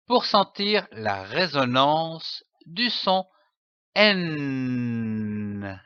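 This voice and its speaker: A man teaching reading at a very slow, deliberate pace, spelling out each letter and syllable with care. His voice is bright and lively in pitch. The recording is dry and a little dull, as if made in a small room. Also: no echo. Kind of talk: slow instructional phonics lesson.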